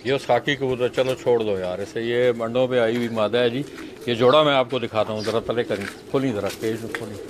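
A man's voice: mid-range voice, fairly even intonation, fairly quick, a little hiss or hum. Man showing pigeons on a rooftop. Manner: addresses viewers as friends, gives short instructions to a helper. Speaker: pigeon fancier vlogger. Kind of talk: explaining to camera, guiding a helper. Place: rooftop pigeon loft outdoors.

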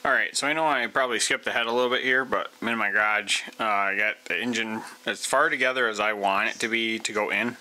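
A man's voice: on the low side, fast, hardly any pauses, pushed and bright, slight background noise, poor audio. A man casually narrating his own repair work in a laid-back, rambling way, with fillers as he goes. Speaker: DIY mechanic vlogger. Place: garage and backyard, indoors and outdoors.

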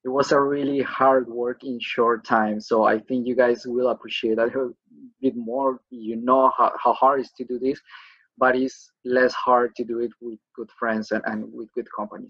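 A man's voice: medium pitch, husky, muffled recording. Man hosting a video call. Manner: warm, thankful, halting with restarts. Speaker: host, musician. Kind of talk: casual video-call chat. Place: outdoor patio.

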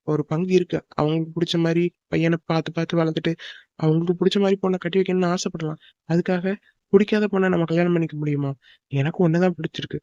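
A man's voice: fairly high pitch, a little mellow, dry recording, close to an everyday voice. A man voicing an earnest young man in love, reassuring and tender, on a dull lo-fi dry recording. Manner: pleading, soothing. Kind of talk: cartoon drama voice acting.

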